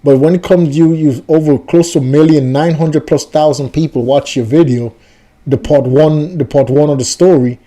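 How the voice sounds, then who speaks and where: A man's voice: fairly high pitch, fairly even intonation, moderate pace, dark tone. A man hosting a reaction video, giving rambling, skeptical commentary. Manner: skeptical, rambling, repeats himself. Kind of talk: casual commentary.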